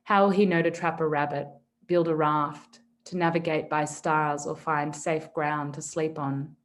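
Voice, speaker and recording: A woman reading poetry aloud in a solemn, measured manner. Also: low voice, steady tone. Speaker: poetry reader.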